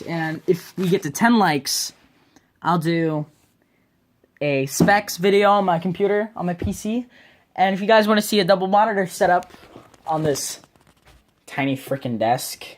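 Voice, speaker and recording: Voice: mid-range voice, a little hiss or hum. A casual vlogger rambling through a computer desk setup, filmed on a phone in a small room. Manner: rambling, chatty, trails off mid-sentence. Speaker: channel host. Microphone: phone camera.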